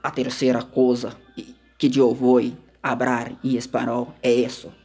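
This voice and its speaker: A man teaches everyday words at a slow, deliberate pace, repeating each point. His voice is a little husky, and faint music plays behind him. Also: mid-range voice, monotone, dark tone. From Argentina. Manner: slow, repetitive, mixes Spanish into Portuguese. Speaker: language teacher. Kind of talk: casual vocabulary lesson to camera.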